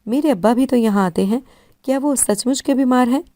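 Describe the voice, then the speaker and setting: Timid teen girl, anxious questions, soft dark tone; a woman reads her. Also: fairly high pitch, no echo, clean studio sound, lightly acted. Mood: worried. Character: timid, curious teenage girl.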